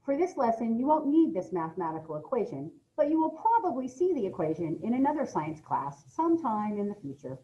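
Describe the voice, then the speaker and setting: A middle school science teacher with an American accent talks her students through a lesson she's reading aloud, mixing direct explanation with casual side comments. Her mid-range voice is a touch mellow, and the audio is dull.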